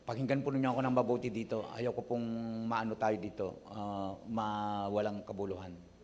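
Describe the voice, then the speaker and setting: A man's voice: little pitch movement, normal speed. A Filipino man preaching a sermon as pastor, often asking the congregation questions and answering them himself. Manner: addresses the congregation often, asks questions and gives its replies; rises from quiet, low delivery to loud, high, emphatic preaching. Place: church service.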